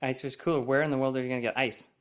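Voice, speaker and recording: A man's voice: medium pitch, steady tone, racing, clear, resonant tone. A curious man runs a casual interview. He asks short follow-up questions and often repeats the answers back as questions.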